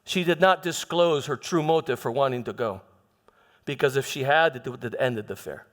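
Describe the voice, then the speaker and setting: In an echoey church hall with long reverb, a male dramatist performs a first-person monologue as a troubled Roman governor recounting his past. He speaks haltingly, repeating words and pausing for emphasis, in a grave, reflective mood. His voice is medium-pitched, a little bright and natural.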